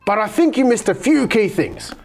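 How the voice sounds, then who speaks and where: A woman's voice: medium pitch, sing-song, normal speed, darkish tone, soft background music. A woman playing Moses, patient and earnest. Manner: earnest, patient explaining with hesitant restarts. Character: Moses, patient biblical leader teaching rules. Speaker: actor in a children's Bible skit. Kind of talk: children's show skit acting.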